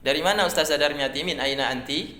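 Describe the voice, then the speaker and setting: A man's voice: fairly high pitch, quick pace, sharp tone. A middle-aged man teaching a religious studies class, chatty and joking with his students, often repeating words as he explains. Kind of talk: classroom lecture. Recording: echoey classroom.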